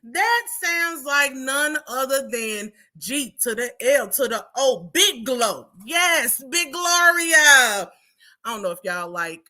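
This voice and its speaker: A woman's voice: on the high side, animated, slow, few pauses, pushed and bright. A woman hosting a commentary channel, chatting sassily and talking straight to her viewers. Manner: sassy, chatty, addresses viewers directly. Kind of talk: casual commentary.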